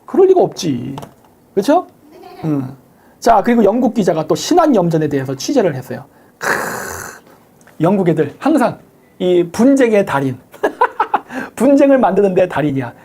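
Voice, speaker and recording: A woman hosting a live stream, giving sharp political commentary, sarcastic and combative, firing rhetorical questions and thanking viewers by name. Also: mid-range voice, big pitch swings, normal speed, long pauses, breathy edge. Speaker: livestream host thanking viewers for donations.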